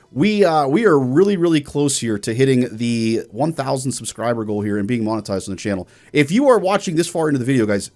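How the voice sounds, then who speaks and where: Lively guy co-hosting a gaming show. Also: medium pitch. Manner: animated, addresses viewers as guys. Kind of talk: casual chat.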